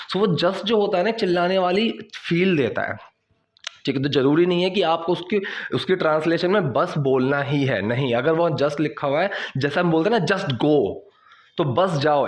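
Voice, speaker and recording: A man teaching English in Hindi, repeating English phrases slowly word by word. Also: a little high. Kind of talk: Hindi English lesson explaining subtitles.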